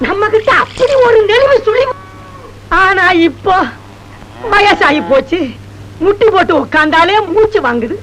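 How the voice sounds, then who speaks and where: A man's voice: very high voice, lively intonation, measured pace, pauses often, fairly bright tone, slight background noise, exaggerated voice, rough recording. An actor playing an aging village father who rambles, pleads and grieves for his runaway son, in a film scene. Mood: rambling. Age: older. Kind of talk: Tamil film acting. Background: film score.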